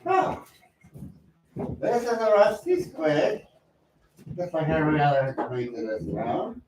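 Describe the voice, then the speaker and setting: An actor playing a chummy, wheedling town drunk who cadges drinks at a bar in a comic stage show. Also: male voice, high voice, lively intonation, takes it slowly, a little mellow, full character voice. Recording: echoey, distant, noisy stage recording.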